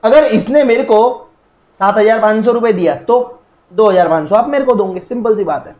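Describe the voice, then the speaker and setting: A young man with an Indian accent teaching a recorded law lecture in a lively, jokey way, acting out little dialogues between people. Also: high voice, moderate pace, reverberant.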